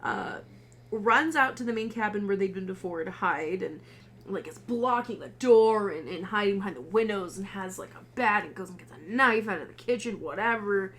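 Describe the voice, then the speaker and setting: A woman's voice: mid-range voice, normal speed, a little hiss or hum. A young woman co-hosting a podcast, chatting animatedly and laughing as she recaps a film and acts out the characters' lines. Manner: animated, laughing, acting out quotes. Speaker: podcast co-host. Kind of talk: casual chat recapping a film.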